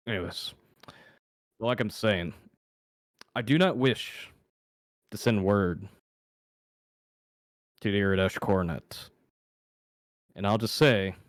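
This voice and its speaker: A man's voice: fairly low pitch, no echo, clean studio sound. A man voicing a smug, well-connected halfling nobleman who speaks in a nonchalant, lordly drawl.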